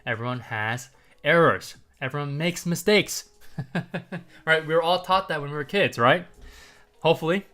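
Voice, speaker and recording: A man hosts a market livestream in a pushed, bright, rather high voice, speaking at a normal speed but pausing often. He's loose and chatty with viewers, full of ums and rhetorical "right?" with light chuckles, and sounds a little stuffy from congestion.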